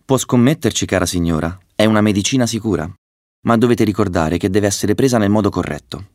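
A man reading a children's story, voicing a calm, wise female owl doctor who explains gently. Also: on the low side, fairly quick, dry recording, studio quality, close to an everyday voice. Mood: calm, explaining.

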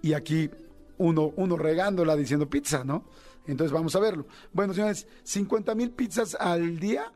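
A man's voice: a little high, moderate pace, darkish tone, faint music behind. A man with a Mexican accent hosting a radio show, chatting casually and joking, rambling with fillers as he thinks aloud. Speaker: radio host. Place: radio studio.

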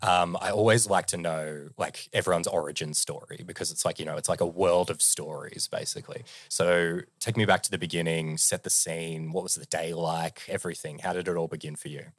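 A man's voice: deep voice, fairly even intonation, brisk, few pauses, no echo, clean studio sound. A man hosting an interview podcast, upbeat and conversational. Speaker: podcast host.

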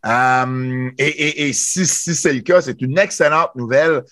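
A man's voice: medium pitch, unhurried, fairly bright tone, dry recording, clean studio sound. A man, co-hosting a casual podcast chat, talkative with lots of fillers and restarts. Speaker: podcast co-host.

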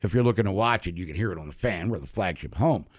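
A man's voice: deep voice, lively intonation, fast talker, slightly rough. A middle-aged man hosts a sports radio show in a casual, conversational style. He has no teeth in, so his speech is toothless with a slight lisp. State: toothless, speaking without his dentures.

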